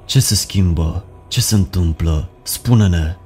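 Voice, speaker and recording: A man's voice: low voice, darkish tone, slight background noise, close to an everyday voice. A man voicing a male inmate who demands answers urgently. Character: insistent young male inmate.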